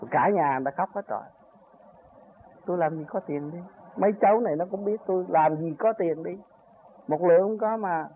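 An older man giving an earnest, rambling spiritual talk that rises to emphatic peaks as he recounts his own journey. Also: high-pitched. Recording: tinny phone-like recording with faint noise.

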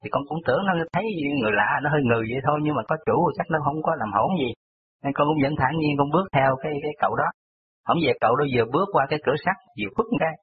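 A man's voice: fairly high pitch, expressive, racing, slightly rough. A man with a Southern Vietnamese accent calling in to a radio show, recounting a personal story in rambling, detail-heavy fashion. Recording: tinny phone line on radio.

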